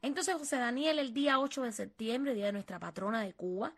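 Woman interviewer, high voice, sympathetic, keeps exclaiming. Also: brisk. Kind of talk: interview questions.

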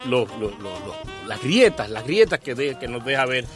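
Un hombre copresentador de un programa de charla, bromista y teatral, con acento cubano. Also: male voice, medium pitch, very animated, normal speed, soft background music. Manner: joking, theatrical, flirtatious. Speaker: co-host. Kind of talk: playful talk show banter.

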